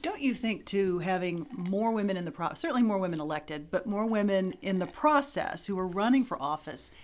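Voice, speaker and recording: A woman's voice: mid-range voice, lively intonation, fairly quick, a little mellow. A woman interviewer asking thoughtful, probing questions.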